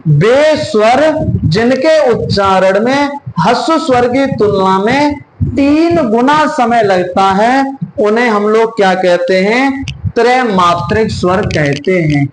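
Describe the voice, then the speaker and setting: A man with a very high voice runs an exam-prep lesson, asking a question and answering it himself as he drills terms. He stretches vowel sounds out to show them. The room echoes, with a faint hiss behind him. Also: lively intonation, takes it slowly. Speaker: teacher.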